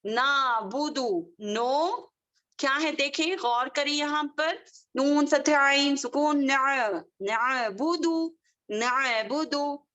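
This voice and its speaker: A woman teaching Quranic recitation over a video call, drawing out each word slowly, repeating it and checking that her students follow. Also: high voice, fairly bright tone. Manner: slow, drawn-out demonstrations of Arabic words; patient, repeats and checks understanding. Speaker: Tajweed teacher.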